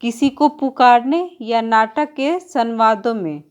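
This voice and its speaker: Slow, deliberate woman teacher. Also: a little high. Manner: slow, deliberate explaining, drawing out example sounds; writes on a board while teaching. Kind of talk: exam-prep grammar lesson.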